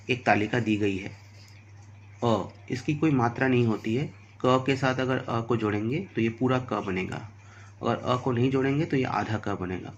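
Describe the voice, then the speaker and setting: Male primary school teacher, slow deliberate delivery, patient and methodical. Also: mid-range voice, highs cut off, a little hiss or hum. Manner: spells out letters and examples patiently, addressing children. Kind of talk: slow, deliberate classroom lesson.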